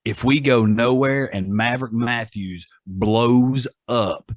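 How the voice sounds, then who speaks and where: A man's voice: medium pitch, slow pace, no room sound, clean studio sound. A male podcast host in casual chat, easygoing, joking and affectionate toward his guest.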